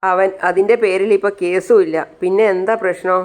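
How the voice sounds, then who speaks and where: A narrator voicing a puzzled young sister who asks questions, in a smooth voice. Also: medium pitch, fairly even intonation, moderate pace, close to an everyday voice.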